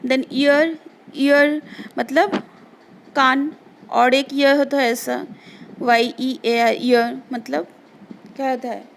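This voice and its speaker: Woman teacher, high-pitched, very slow and deliberate, spells words out for kids; faint noise behind. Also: steady tone, creaky. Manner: slow, spells words letter by letter and explains meanings. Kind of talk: remote English lesson for children.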